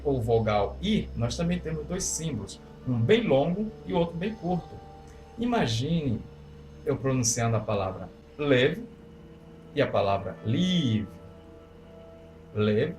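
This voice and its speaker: A man's voice: lowish voice, darkish tone. A Brazilian man teaching English vowel sounds, explaining patiently and repeating each example word several times. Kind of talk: pronunciation lesson. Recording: echoey room with faint music.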